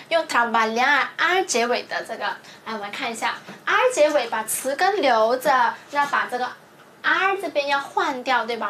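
A woman Portuguese teacher, her voice a little high and sharp in tone, reviews language material slowly and in steps. She repeatedly checks her students' understanding with "对不对". The recording has a little hiss or hum.

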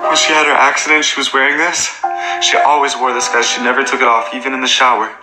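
A man's voice: mid-range voice, little pitch movement, quick pace, poor audio. Guy freaking out on a ghost vlog, keeps saying guys, music in the back. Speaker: vlogger. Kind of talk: staged paranormal vlog.

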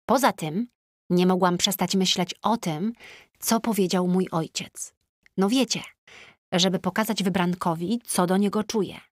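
Lively woman reading an audiobook. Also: lowish voice, a little slow, dry recording, clean studio sound. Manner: lively, chatty teenage-diary tone. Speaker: audiobook narrator. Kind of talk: first-person audiobook narration.

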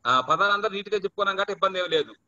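A man teaching Vedic chanting in an online class, chanting slowly and talking fast between chants. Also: sits high, expressive, sharp tone, no echo, lo-fi sound. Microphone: video call.

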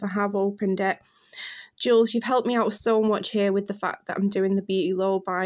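A woman's voice: mid-range voice, darkish tone. A woman, chatting enthusiastically to camera as she unboxes beauty gifts. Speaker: beauty vlogger. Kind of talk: casual unboxing chat to camera.

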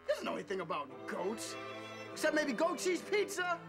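A jealous teenager who mocks others with snippy remarks. The voice rises and falls a lot. Loud music fills the background. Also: sits high, sing-song, moderate pace. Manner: snippy, mocking. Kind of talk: 1990s sitcom acting.

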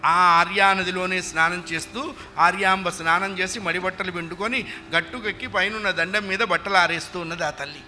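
Male Harikatha storyteller, animated, talks straight to the audience, high and very bright. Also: brisk, a little hiss or hum. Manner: animated, addresses the audience directly. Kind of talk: devotional musical storytelling with humorous asides. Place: religious hall.

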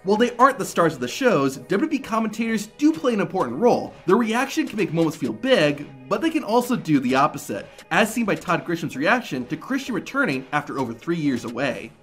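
A man's voice: high-pitched, big pitch swings, a little fast, hardly any pauses, a bit bright. A man reading scripted narration for a wrestling countdown video. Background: music.

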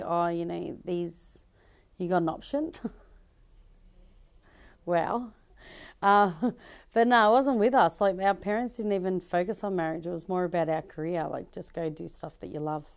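A comedian and fashion designer in her thirties, a woman with an Australian accent and a smooth, lowish voice, answers interview questions inside a bridal dress shop. She's chatty, laughs easily, and restarts sentences, speaking into a handheld mic held by the interviewer.

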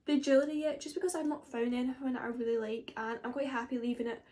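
A woman's voice: a little high, steady tone, fast talker, warm tone. A woman, chatting casually to camera as a vlogger, rambling with frequent asides. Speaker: beauty vlogger.

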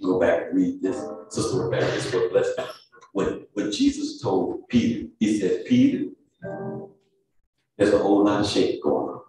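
Deep, warm and steady, a Southern-accented pastor delivers a sermon and altar call at a moderate pace, his rhythm building into chanted, sung calls. The recording is distant and echoey in the church sanctuary, with piano or organ playing beneath him.

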